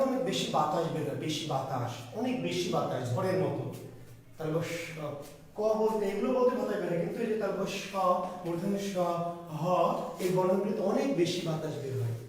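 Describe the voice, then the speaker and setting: A man teaching a grammar class, his voice pitched high for a man. He keeps asking short questions and repeating the answers. He is heard from across a strongly echoing room. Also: darkish tone. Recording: very echoey room, far from the mic.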